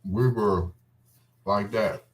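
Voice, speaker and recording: A fairly low-pitched man with fairly even intonation draws out his words as he hosts a radio show. He tells personal stories casually between love songs, rambling and reminiscing as he goes.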